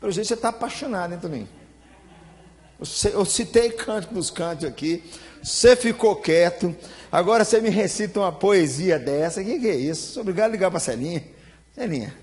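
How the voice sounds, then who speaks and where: A man's voice: high voice, animated, brisk, darkish tone, big-room sound. A man with a Brazilian Portuguese accent, a pastor leading a Bible study in a chatty, joking way, teasing listeners by name. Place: church hall.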